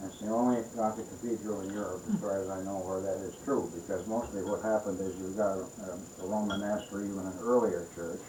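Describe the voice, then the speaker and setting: A man chatting at a dinner table, halting and full of restarts as he explains something. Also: sits low, fairly even intonation. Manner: halting, with many restarts and fillers. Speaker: dinner guest. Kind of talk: casual dinner-table chat. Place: room in a house at dinner. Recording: echoey room, noisy home recording.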